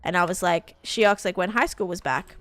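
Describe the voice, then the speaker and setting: A woman's voice: on the low side, a little fast, no room sound, soft background music. Chatty woman rambling on stream. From Australia. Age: late 20s. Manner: rambling, chatty, full of fillers. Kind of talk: casual chat while gaming.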